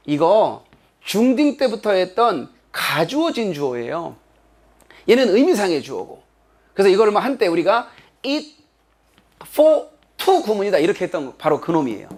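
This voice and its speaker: A high-pitched middle-aged man gives an exam-prep English lecture in a classroom. He is lively and expressive and acts out the lines he quotes. His delivery is loose and conversational. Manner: animated, acts out quoted children in a higher voice.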